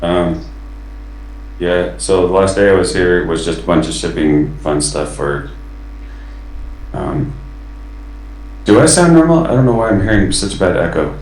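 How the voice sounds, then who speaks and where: A man giving a relaxed status update in a casual work meeting, his voice echoing as if he were in a tunnel. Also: deep voice, unhurried, pauses often. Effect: echoing, tunnel-like sound on his audio. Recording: echoey tunnel-like call audio with hum.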